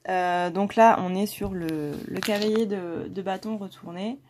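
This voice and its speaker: At a measured pace, a woman with a medium-pitched, steady, slightly mellow voice reads tarot for her channel. She comes across as blunt, speaking casually with frequent fillers and restarts.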